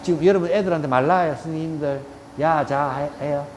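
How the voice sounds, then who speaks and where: Speaking a little fast in a slightly high voice, a middle-aged man with a Gyeongsang accent teaches yoga in a relaxed lecture. He jokes through stories using blunt, coarse words, while the reverberant room carries faint ambience and a noisy background.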